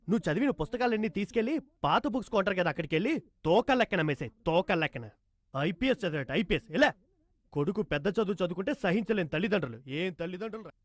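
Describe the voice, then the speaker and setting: Fast-talking comic uncle. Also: male voice, high voice. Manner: rapid, teasing, loud comic banter. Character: loud meddling younger brother, comic uncle. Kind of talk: film comedy dialogue. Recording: film soundtrack with faint music.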